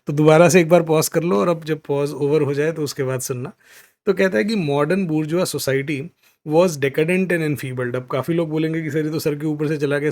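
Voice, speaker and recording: A young male exam-prep teacher with an Indian English accent talks through a recorded lesson, switching easily between Hindi and English. His voice sits somewhat high, and he slows to a careful crawl when he reads passages aloud. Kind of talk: recorded lesson explaining a question.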